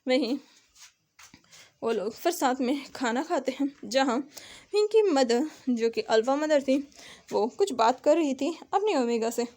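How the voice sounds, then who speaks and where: A woman's voice: high voice, lively intonation, unhurried, a little mellow. A woman narrating a story retelling in a conversational way, sometimes correcting herself.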